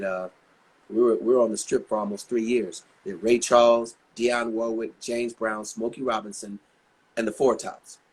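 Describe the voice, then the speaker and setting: A man's voice: fairly low pitch, breathy edge. A man in his sixties, a singer being interviewed, telling long chatty stories full of asides. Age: 60s. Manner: chatty, rambling anecdotes with many asides. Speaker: guest singer. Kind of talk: casual interview storytelling.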